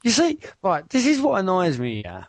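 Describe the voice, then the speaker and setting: A man's voice: high voice, wildly swooping pitch, normal speed, dry recording. A man hosting a live video chat at his computer, rambling and swearing in casual banter.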